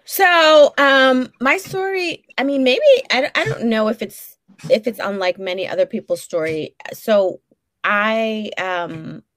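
A Brooklyn social worker in her forties talks frankly as a guest in a casual interview, full of fillers and restarts. Her voice is on the high side, slow and fairly bright, with no room sound.

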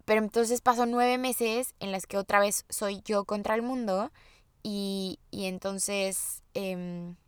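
A young woman with a Mexican accent chats on her own podcast in a loose, confiding way, slipping into little performances of the lines she quotes. Her voice sits at a middle pitch. The sound is dry and close, with no room around it. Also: steady tone, slow pace, smooth, dry recording. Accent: Mexican Spanish. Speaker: podcast host. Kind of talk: casual personal monologue.

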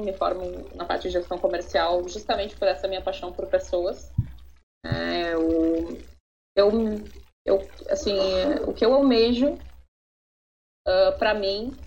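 A woman's voice: lowish voice, vocal fry. Brazilian woman in her 30s being interviewed, earnest, slightly dull sound w faint hiss. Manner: earnest, tags sentences with "né". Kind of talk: reflective personal storytelling.

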